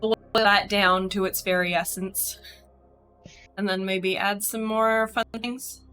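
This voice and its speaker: A woman playing a tabletop game in a relaxed, easygoing way, planning with the group. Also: mid-range voice, slow, smooth, faint music behind. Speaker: player. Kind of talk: casual tabletop play.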